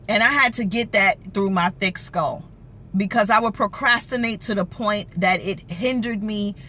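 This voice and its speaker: A woman giving an informal motivational talk to live viewers, emphatic and repeating phrases for effect. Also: sharp tone. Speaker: motivational livestream host. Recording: noisy livestream with low rumble.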